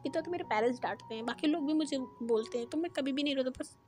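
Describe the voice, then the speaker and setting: A hurt young man who whines and pleads through tears, the lines read by a storyteller woman in her own fairly high voice. Music plays clearly underneath. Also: quick pace, close to an everyday voice. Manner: pleading, whiny complaining. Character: young man, tearful and sulky lover.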